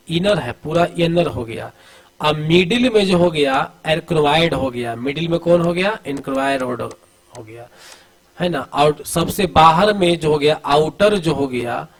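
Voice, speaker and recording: A male coaching teacher gives an exam-prep lesson over diagrams. He asks questions, repeats the answers as a drill, and calls students "beta" while urging them to answer fast. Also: a little high, rough recording. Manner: addresses students familiarly, urging quick answers.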